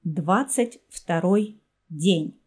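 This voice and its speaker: An audiobook narrator with a lowish, husky female voice reads a story aloud. Her scripted narration is measured and even, in a steady storytelling manner.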